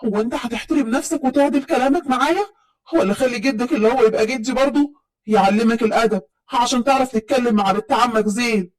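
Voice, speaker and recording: A woman voicing a bold, proud young woman from Upper Egypt who speaks with sharp, defiant retorts, in an Upper Egyptian accent. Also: on the high side, fast, natural voice, rough recording.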